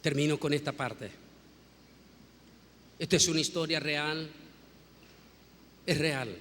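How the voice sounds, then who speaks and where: A man preaching a sermon in a large church, telling a story dramatically, dropping to a hush and rising to shouts. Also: fairly high pitch, slow pace, slight background noise. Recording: long hall reverb.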